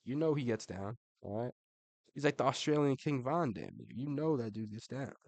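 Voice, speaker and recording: Man, casual commentary, slangy and profane, keeps saying bro, mid pitch, dry close sound. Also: big pitch swings, normal speed, a little mellow, no room sound. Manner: laughs between remarks. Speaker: online commentator ranking fighters.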